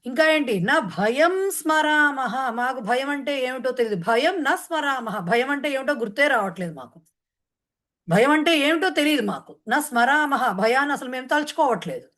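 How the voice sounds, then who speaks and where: A woman Sanskrit teacher who chants a verse slowly, then explains it in quick talk mixed with English words. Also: sits high, expressive, a bit bright. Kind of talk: online class explaining a verse in Telugu.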